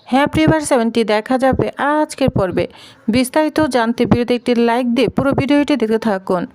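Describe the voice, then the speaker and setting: A woman narrating a recap of a serial episode in a steady storytelling read. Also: fairly high pitch, quick pace.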